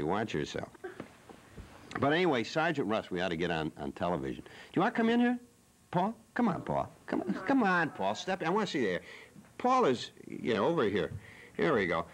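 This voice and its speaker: A man's voice: a little high, a little hiss or hum. A man hosting a cable TV talk show from a studio, joking and teasing in a rambling way. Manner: playful, teasing.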